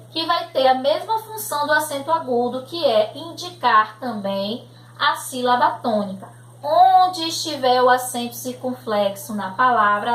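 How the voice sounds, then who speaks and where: This clip, recorded in an echoey room at home with a bit of background noise, features a Brazilian-accented primary school teacher whose high voice is a little bright. She teaches a grammar lesson to small children at a slow, patient pace, checking with "né?" and "tudo bem?" that they keep up.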